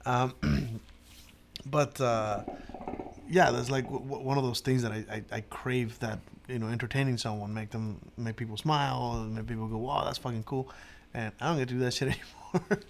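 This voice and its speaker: A man's voice: mid-range voice, steady tone, moderate pace, slight background noise. A man co-hosting a casual podcast, talking in a loose, rambling way with lots of restarts and the odd swear word. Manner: rambling, many restarts and fillers, swears freely. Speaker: podcast co-host.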